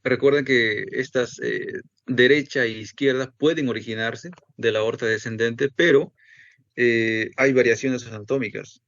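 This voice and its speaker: A man's voice: mid-range voice, steady tone, a little slow, a bit bright, dry recording. Man teaching anatomy, dull dry recording. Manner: explains step by step, voices students' questions himself.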